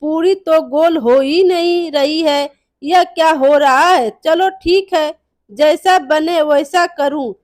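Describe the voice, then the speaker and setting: A woman's voice: high-pitched, takes it slowly, darkish tone, no room sound, clean studio sound. A woman voicing a bossy, harsh mother-in-law who scolds impatiently in a storybook tale. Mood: scolding.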